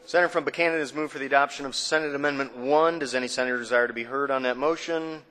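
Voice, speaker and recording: A man's voice: mid-range voice, fairly even intonation, pushed and bright. A man presiding over a state senate floor session, calling on members and running votes in formal procedural language. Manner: brisk, formal parliamentary phrasing. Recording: reverberant legislative chamber.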